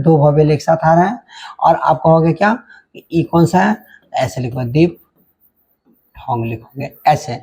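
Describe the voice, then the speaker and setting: Man teaching grammar, mellow tone. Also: on the high side, slightly rough. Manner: spells words letter by letter, repeats "ठीक है" often. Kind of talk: online grammar lesson.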